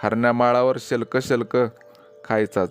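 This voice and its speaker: A man's voice: medium pitch, flat delivery, faint music behind. Male storyteller narrating a village tale. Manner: unhurried rural storytelling with dialogue.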